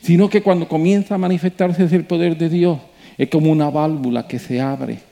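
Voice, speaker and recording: A man's voice: fairly high pitch, normal speed, vocal fry. A male preacher, telling a story and building to emphatic sermon preaching. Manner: animated, rising to emphatic preaching.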